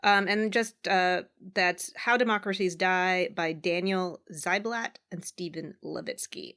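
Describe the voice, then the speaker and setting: Female co-host, measured and reflective, casual conversational delivery. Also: on the low side, a bit bright. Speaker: podcast co-host.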